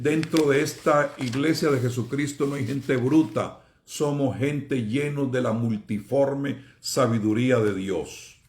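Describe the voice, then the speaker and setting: Emphatic preaching man, slow and echoey. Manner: emphatic preaching, rising and falling in pitch and volume. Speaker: pastor. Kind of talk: sermon.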